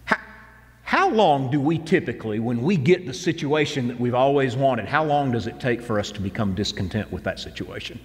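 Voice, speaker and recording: Man in his fifties, pastor, earnest conversational sermon, mid-pitched voice, long hall reverb. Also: animated, brisk. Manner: earnest, conversational preaching with repeated phrases. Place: church stage with instruments.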